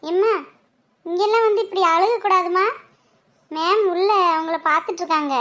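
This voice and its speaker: Woman doing a high-voiced cartoon nurse, calm and reassuring, madurai accent. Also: moderate pace. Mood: firm. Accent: Madurai Tamil. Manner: patient, reassuring. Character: calm young female hospital nurse. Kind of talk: cartoon voice acting.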